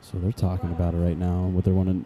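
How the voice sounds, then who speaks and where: Man with a very dark, low voice. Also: monotone, fast. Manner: joking, chatty, calls shots as they happen. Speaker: play-by-play commentator. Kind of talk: casual live-stream sports commentary.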